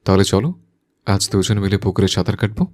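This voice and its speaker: Cast a man as a possessive young hothead, deep and fast-talking, all commands through gritted teeth. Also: level tone, darkish tone, natural voice. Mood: mock friendly. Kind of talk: audio drama acting.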